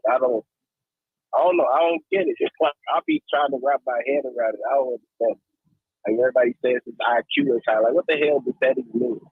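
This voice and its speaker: St louis guy calling in, clipped tinny phone line, kinda husky, blunt and emphatic. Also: medium pitch, fast talker, no echo. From St. Louis, USA. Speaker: caller. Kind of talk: call-in show chat. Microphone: phone call.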